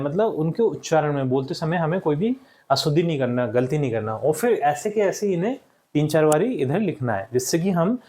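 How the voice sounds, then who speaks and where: A young adult male teacher giving a recorded lesson to schoolchildren, repeating each word slowly and checking in with the class after each point. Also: a little high, a little mellow. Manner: addresses the class as children, checks with "ठीक".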